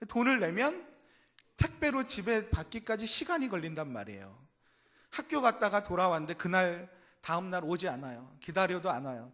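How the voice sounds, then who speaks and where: Male pastor, high voice, dramatic sermon delivery with loud-soft swings, questions the congregation. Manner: dramatic, acts out quoted speech with big swings in loudness.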